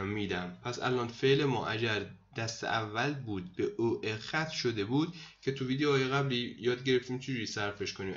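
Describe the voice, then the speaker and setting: A male language teacher with a Persian accent explains grammar and repeats words slowly to drill pronunciation. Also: mid-range voice. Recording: dull lo-fi sound with faint hiss.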